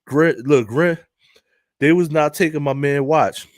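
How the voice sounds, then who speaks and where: A man's voice: fairly high pitch, a little slow, dry recording, studio quality. Laughing, joking male live-stream host. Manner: loose, joking, laughs often. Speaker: online news host. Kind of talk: casual live-stream commentary.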